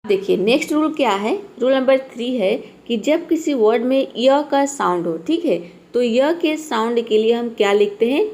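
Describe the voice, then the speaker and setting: A woman's voice: on the high side, expressive, normal speed, few pauses, a little mellow. A woman teaching English spelling rules, explaining patiently and repeating each point with questions she then answers. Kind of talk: spoken English lesson.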